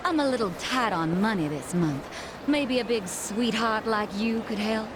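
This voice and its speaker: Casting: sassy, coy game heroine, lively pitch swings, clear ambient noise behind. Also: female voice, slow. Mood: coy, teasing. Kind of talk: video game voice acting.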